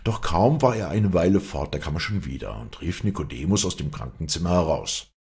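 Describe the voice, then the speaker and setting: A man narrates a novel in a deep, gravelly voice. His reading is expressive and his pitch moves a lot. He tells the story at a measured pace. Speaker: audiobook narrator. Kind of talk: scripted narration.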